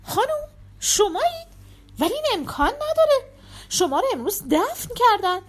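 زنی در نقش خدمتکار مرد دستپاچه. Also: female voice, sing-song, full character voice. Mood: flustered. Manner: flustered, loud and high. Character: simple-minded male servant, flustered and excitable.

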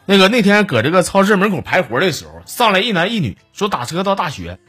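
A man's voice: sits high, big pitch swings, fast, a bit bright, breathy edge, faint music behind. A man with a Northeastern Chinese accent hosting a podcast, telling comic stories in a chatty way and acting out the voices. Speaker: podcast host telling jokes. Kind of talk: casual comic storytelling.

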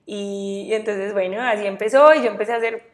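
A young woman from Medellín with a paisa accent, telling her story as a podcast guest, animated and quick to laugh. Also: mid-range voice. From Medellín, Colombia. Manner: animated, laughs often, acts out quotes. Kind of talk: casual interview storytelling.

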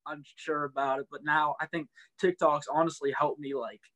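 Young male student guest, a bit higher voice, easygoing and filler-heavy. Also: flat delivery, moderate pace, a bit bright. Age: young adult. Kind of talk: casual interview chat.

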